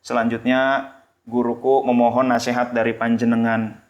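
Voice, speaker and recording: A man's voice: medium pitch, little pitch movement, normal speed, muffled recording, voice pushed down, close to an everyday voice. A man voicing a humble young disciple who speaks hesitantly and politely. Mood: timid. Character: humble young male disciple, timid and deferential.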